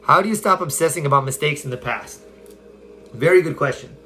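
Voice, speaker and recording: A man's voice: a little high, lively intonation, a little fast, bright, forceful tone. A man, chatting casually on a live stream, answering viewer questions as a self-help coach in an upbeat, conversational way. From California. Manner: upbeat, conversational, reads viewer comments aloud. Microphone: phone.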